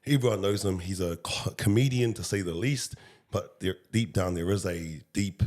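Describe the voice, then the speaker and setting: Casting note: New Zealand male podcast host, low voice, easygoing and encouraging. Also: normal speed, a little mellow. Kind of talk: casual interview.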